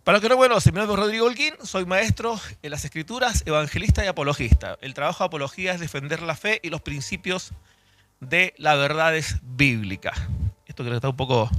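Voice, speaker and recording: Man teaching on doctrine, fairly high voice. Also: fairly quick, a bit bright. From Chile, raised in Argentina. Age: 40s. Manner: conversational, with restarts and self-corrections. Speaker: church teacher and apologist. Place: church hall.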